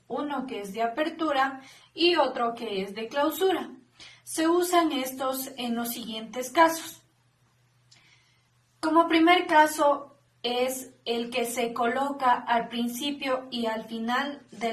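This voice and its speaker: A woman student giving a class presentation, reading slowly and deliberately with small slips. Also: a little high. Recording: echoey room.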